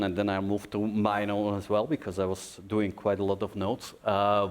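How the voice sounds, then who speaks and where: A man moderating a live question-and-answer session in an informal, conversational way. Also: fairly low pitch. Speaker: event moderator.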